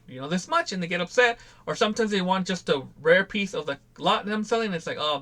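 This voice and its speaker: Young adult man, casual vlog host, exasperated, slightly high voice, lively quoted asides. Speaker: toy seller and channel host.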